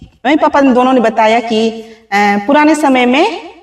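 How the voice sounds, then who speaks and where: A woman's voice: high voice, measured pace. A woman, chatting casually to her viewers outdoors and often calling them friends. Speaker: vlogger. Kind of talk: casual vlog chat to viewers. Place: outdoors under open sky. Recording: distant, roomy-sounding mic.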